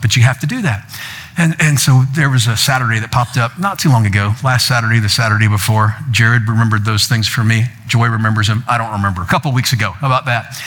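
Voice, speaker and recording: A man's voice: fairly high pitch, a bit bright, slightly rough. Older male pastor preaching in a hall. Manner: storytelling, quoting family in raised playful voices. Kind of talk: sermon. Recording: long hall reverb.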